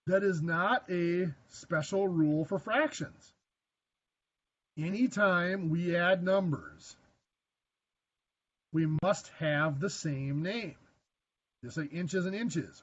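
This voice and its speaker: A man with a rather high voice teaches a math class, quizzing the students and slipping in dry, self-mocking jokes. The classroom recording sounds a little dull and lo-fi. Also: a bit bright. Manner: dry joking asides, self-deprecating; asks the class questions. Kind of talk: classroom lecture.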